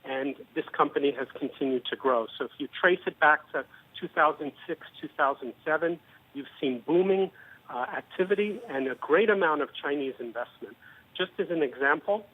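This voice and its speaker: Man, guest analyst, measured and explanatory, slightly high voice, phone-line sound. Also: breathy edge. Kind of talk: business news interview. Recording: tinny phone-line audio.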